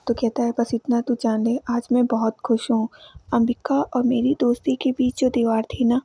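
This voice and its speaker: A woman's voice: a little high, little pitch movement, normal speed, warm tone, husky, no room sound. A young woman hosting her own channel, casually retelling a TV serial episode by quoting each character's lines in turn. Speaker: YouTube channel host recapping TV serial episodes. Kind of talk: casual spoken recap in Hindi.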